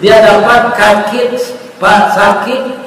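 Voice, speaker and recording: A middle-aged man preaching to a mosque congregation, his voice high and unhurried. He jokes with the listeners and then tells a moving story. It is recorded from far off in a big hall that echoes for a long time. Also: steady tone, fairly bright tone.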